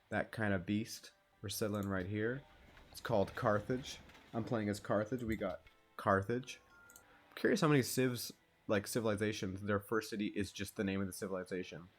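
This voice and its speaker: A man hosting his own gaming channel, giving laid-back, self-deprecating gameplay commentary and swearing freely as he plays. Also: on the low side.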